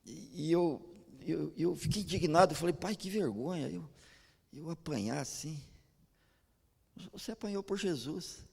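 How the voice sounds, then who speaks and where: A Brazilian man preaching in a large church, his voice gravelly and a little husky with a long reverb trailing behind it. He tells stories as he preaches and stumbles into stammered restarts, with a Brazilian Portuguese accent. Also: fairly high pitch, moderate pace. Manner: storytelling, animated, frequent stammered restarts. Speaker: pastor. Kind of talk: sermon with personal stories. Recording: echoey church hall.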